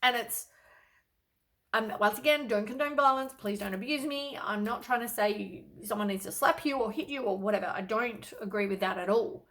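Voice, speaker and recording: A woman's voice: fairly high pitch, moderate pace, a bit bright. A woman doing a casual tarot reading to camera, blunt and exasperated, with lots of sighs and casual swearing. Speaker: tarot reader.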